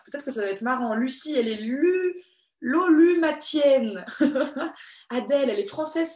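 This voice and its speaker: A woman hosting a live online creative workshop for children, cheerful and encouraging as she reads out viewers' comments. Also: fairly high pitch. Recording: echoey room.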